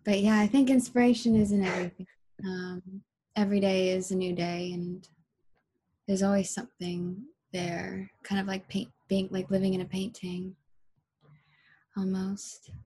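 A woman guest in an interview, speaking softly and thoughtfully with frequent pauses. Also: mid-range voice, little pitch movement, slightly rough. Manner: soft-spoken, thoughtful, hesitant. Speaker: interview guest, model and photographer. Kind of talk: casual interview chat.

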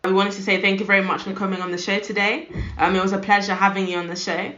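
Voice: mid-range voice, level tone, fast talker, pushed and bright. A young student podcast host asking questions and giving brief agreeing replies in a casual interview. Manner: brief agreeing backchannels, giggly. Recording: echoey lo-fi room with faint noise.

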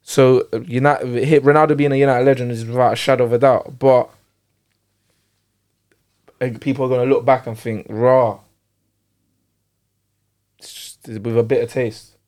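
A man's voice: mid-range voice, steady tone, normal speed, pauses often, a little mellow. A man with an urban London roadman accent in a casual football debate, repeating and restarting his points with street slang. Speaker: football show panellist.

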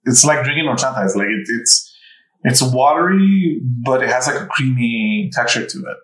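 A man chats casually on a podcast and stumbles through restarts as he searches for words. His voice sits at an average pitch. The room is echoey. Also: animated, fairly bright tone. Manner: rambling, halting restarts. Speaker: podcast co-host. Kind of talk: casual chat.

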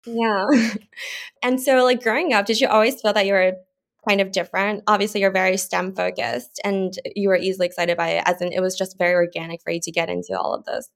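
A woman hosting a podcast, asking questions in a chatty way with quick affirmations. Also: medium pitch, creaky. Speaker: podcast host. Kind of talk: casual interview questions.

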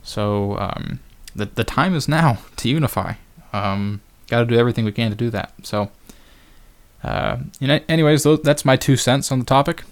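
A man's voice: mid-range voice, moderate pace. A man hosting a solo podcast in a casual, conversational way, with plenty of fillers and wry, sarcastic asides. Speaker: podcast host.

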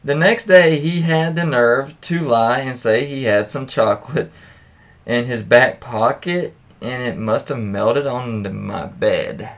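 Speaking slowly in a medium-pitched voice, a man hosting a podcast reads anecdotes in a relaxed way. He sprinkles in offhand, profane comments and interjections.

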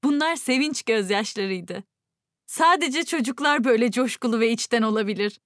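A woman narrates a children's story in a high, bright register. The sound is close and dry, with no room around it. She reads with lively lifts for the eager moments. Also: normal speed, dry recording. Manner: lively, voices children's lines higher.

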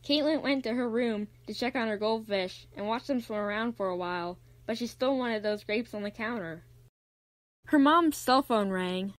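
A woman narrating a children's Bible story in an even, clear read-aloud manner. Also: on the high side, normal speed, no echo.

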